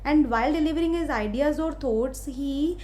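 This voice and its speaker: A woman from India with an Indian English accent, giving a literature lecture in a slow, explaining way with many hesitant fillers. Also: high-pitched, dark tone. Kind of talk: recorded lecture.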